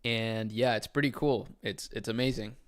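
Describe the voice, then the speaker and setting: A man's voice: lowish voice, moderate pace. Laid-back man chatting on a livestream. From Chile. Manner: relaxed, conversational, answers chat questions. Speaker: livestream host. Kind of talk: casual livestream chat.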